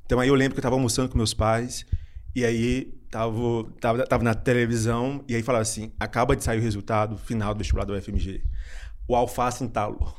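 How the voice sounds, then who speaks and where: A young man from Brazil, a psychiatrist, guesting on a podcast and telling a personal story in an animated way, laughing often and repeating phrases. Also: medium pitch, fast. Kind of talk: casual storytelling in an interview.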